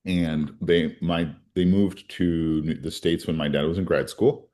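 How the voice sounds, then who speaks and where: Unhurried and steady, this man's low, warm voice carries his interview storytelling. He's in his forties, grew up in Colombia, and works as a criminal defense lawyer, reflecting earnestly and frequently starting over mid-thought.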